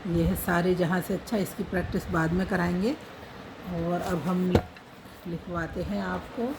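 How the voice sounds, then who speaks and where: Slow, patient woman teaching script. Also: on the low side, level tone, creaky, background noise. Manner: patient, repeats letter names while writing. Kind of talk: slow step-by-step writing lesson.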